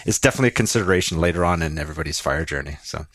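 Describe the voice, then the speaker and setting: A man's voice: very deep voice, lively intonation, very fast, fairly bright tone, no echo, studio quality. A man co-hosting a podcast, explaining points in a friendly way. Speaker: podcast co-host. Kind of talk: casual podcast chat.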